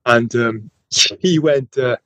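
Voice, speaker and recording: A man from the United Kingdom co-hosting a podcast, telling stories in casual chat, excitable and laughing often. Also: medium pitch, slow, no echo, highs cut off. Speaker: podcast co-host.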